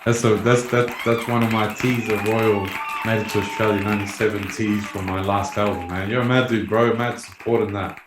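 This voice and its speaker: A man's voice: on the low side, steady tone, fairly quick, few pauses, a crowd in the background, noisy background. A man hosting a podcast in casual, effusive, slang-heavy interview chat, peppering his speech with bro and man. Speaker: podcast host. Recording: roomy echo with faint music.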